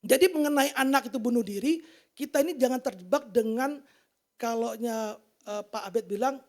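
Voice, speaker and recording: A man giving an informal sermon testimony to a church congregation, talking in a colloquial, animated way and asking the listeners many rhetorical questions. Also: extremely high pitch, moderate pace. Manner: colloquial, slangy delivery. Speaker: church preacher.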